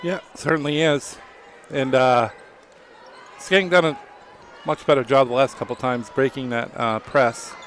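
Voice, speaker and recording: A man giving color commentary on a high school basketball game, easygoing and pausing often on "uh". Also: fairly even intonation, a bit bright, a little hiss or hum. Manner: easygoing, frequent "uh" pauses.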